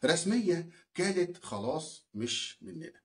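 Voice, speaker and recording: An Egyptian-accented man voicing a proud, grieving old village patriarch who speaks slowly and insistently. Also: on the high side, big pitch swings, voice pushed up. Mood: defiant. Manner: raised, slow and insistent.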